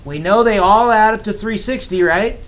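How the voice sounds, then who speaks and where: A man's voice: high-pitched, normal speed, fairly bright tone. A man teaching geometry to a class, upbeat and teasing with his students, in a classroom. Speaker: math teacher. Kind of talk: classroom lecture.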